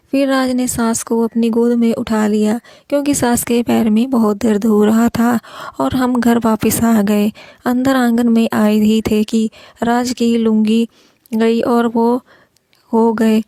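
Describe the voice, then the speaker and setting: A woman reads a first-person story aloud in a steady audiobook manner. Her voice sits a little high but stays flat in pitch, with a soft, mellow tone. It is recorded close and dry. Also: no echo. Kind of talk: read-aloud audiobook narration.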